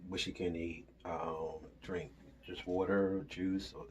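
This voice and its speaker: A man's voice: sits low, level tone, takes it slowly, a little hiss or hum. A man chatting informally and bluntly as a patient's companion, repeating himself and asking questions. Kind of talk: casual chat.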